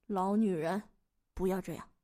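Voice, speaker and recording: A woman voicing a weary young man who answers flatly. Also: mid-range voice, normal speed, pitched below the performer's own voice, close to an everyday voice.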